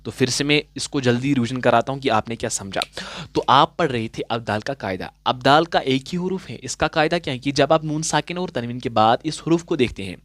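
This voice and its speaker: A man teaching Quran recitation rules in a patient classroom style, asking questions and answering them himself, and slowing down to recite example verses. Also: medium pitch, a bit bright. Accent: Urdu-inflected Hindustani. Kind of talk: classroom-style tajweed lesson.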